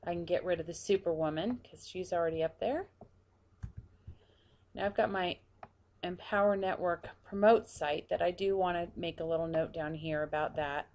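A woman narrating a screen-recorded software tutorial, quietly talking through each step as she clicks. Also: on the low side, moderate pace, a little hiss or hum. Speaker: tutorial presenter.

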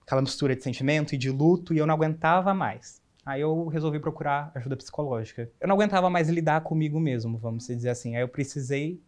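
Speaking quickly with few pauses, a twenty-something man with a Brazilian Portuguese accent has a slightly high, somewhat mellow voice. He is a guest in a candid interview, sharing his life story earnestly and frequently starting over mid-sentence.

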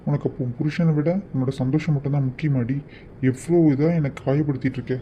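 A man's voice: medium pitch, fairly even intonation, fast, muffled recording, slight background noise, natural voice. A man voicing a drunk, bitter young husband. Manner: bitter, accusing, then apologetic. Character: young husband, wounded then remorseful. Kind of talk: animated cartoon voice acting.

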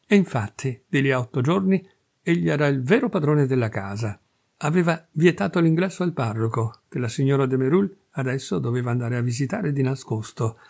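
A man reading a classic short story aloud as an audiobook, with measured, expressive narration. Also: medium pitch, gravelly. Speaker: reader.

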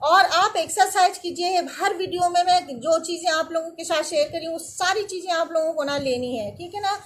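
A beauty and skincare vlogger in her thirties talks casually to her viewers from an indoor room, her very high-pitched voice fairly quick. She gives earnest, reassuring skincare advice, often checking whether they follow and adding "theek hai na." There's slight background noise.

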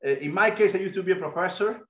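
Middle-aged man, Cuban Spanish accent, higher voice, energetic math lesson, roomy video call sound. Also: fast. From Cuba. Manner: energetic, asks students questions. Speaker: guest lecturer.

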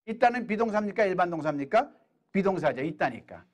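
A middle-aged man giving an energetic English lecture in a hall, drilling questions and answers with his audience. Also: high voice, quick pace.

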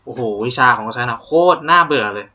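A man's voice: medium pitch, fast, sharp tone. A young Thai man teaching English vocabulary to students in a playful, joking way, with a Thai accent. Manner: playful, jokey, drills English words with exaggerated pronunciation. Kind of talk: online vocabulary lesson. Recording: dull lo-fi home recording.

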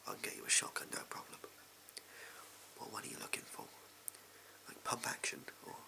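Close to his everyday voice and at normal speed, a young adult Englishman whispers the part of an amoral backstreet gun seller. The patter is furtive, clipped, offhand and sleazy, the mood furtive but casual, captured by a mic close to the camera in a small room at home.

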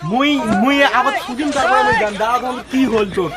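A man playing an irritable, threatening village father in a comedy skit, scolding loudly in a North Bengal accent. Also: extremely high pitch, fairly even intonation, fast, over a noisy crowd. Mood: exasperated. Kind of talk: amateur comedy skit acting.

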